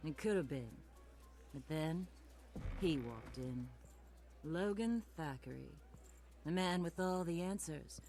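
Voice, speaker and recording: A woman's voice: deep voice, lively intonation, takes it slowly, dark tone, heavily acted. An actress voicing a world-weary woman private detective in a film noir game, sultry, dry and sardonic. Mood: brooding, wry. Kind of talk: film noir detective narration and dialogue, video game voice acting. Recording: music under the voice.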